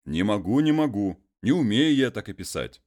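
A patient, educated gentleman refuses firmly and reasons things out, voiced by a man reading a story. He speaks in a measured way, and his pitch moves a good deal. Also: very animated.

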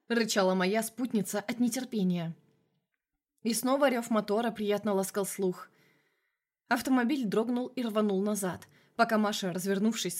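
A woman reading a novel aloud in scripted narration, telling it as a male first-person hero in a steady storytelling voice. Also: medium pitch. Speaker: audiobook narrator.

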